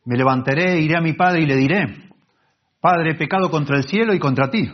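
A man acting a humbled young son who comes back to his father, earnest and imploring, in a husky voice on a muffled recording. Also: on the high side, a little fast, pitched above the performer's own voice, close to an everyday voice.

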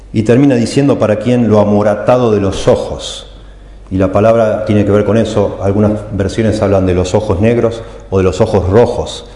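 A man's voice: lowish voice, warm tone. A man preaching a sermon, explaining scripture and voicing its cries with emphasis. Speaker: pastor. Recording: echoey hall with long reverb.

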